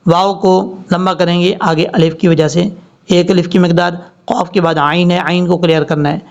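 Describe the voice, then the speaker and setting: High-voiced man teaching Quran recitation. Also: level tone, vocal fry. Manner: slow drawn-out recitation between plain explanations. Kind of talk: word-by-word Quran recitation lesson. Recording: dull lo-fi recording.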